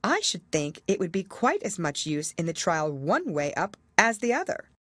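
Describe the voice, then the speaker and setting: A woman's voice: fairly low pitch, sing-song, moderate pace, a bit bright, no room sound, clean studio sound. A woman voicing a spirited, outspoken little girl in a storybook reading, emphatic and forthright. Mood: musing. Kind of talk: audiobook character voice.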